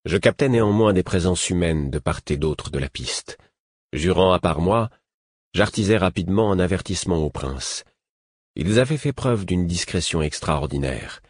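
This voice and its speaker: A man reads a fantasy audiobook in the first person with a steady storytelling delivery. His voice is very low and husky. The sound is dry and close, with no room around it. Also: normal speed, dry recording. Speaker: narrator. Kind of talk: audiobook narration.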